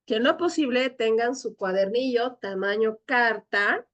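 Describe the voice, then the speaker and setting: A woman's voice: on the high side, a little slow, fairly bright tone, lo-fi sound. A woman teacher leading a Greek class, explaining patiently step by step and often checking with her students. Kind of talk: online class lecture.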